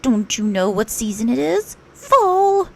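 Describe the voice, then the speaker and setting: A woman's voice: on the high side, big pitch swings, takes it slowly, creaky, darkish tone, voice pushed up, exaggerated voice, low-quality recording. A woman voicing a fussy, bossy male storybook rabbit who scolds and instructs emphatically. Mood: scolding, instructive.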